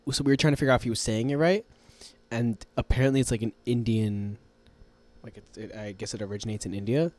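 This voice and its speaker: A man's voice: mid-range voice, fairly even intonation, fast, a little mellow. Rambling young male podcast co-host. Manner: joking, rambling, trips over tongue twisters. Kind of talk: casual chat.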